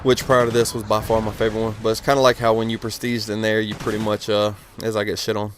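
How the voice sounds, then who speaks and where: Rambling low-voiced man in his late twenties. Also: little pitch movement, fast, slight background noise. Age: late 20s. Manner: rambling, swears freely, many fillers. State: cold, a little stuttery. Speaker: gaming commentator. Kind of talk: casual gameplay commentary. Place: outdoors outside his house.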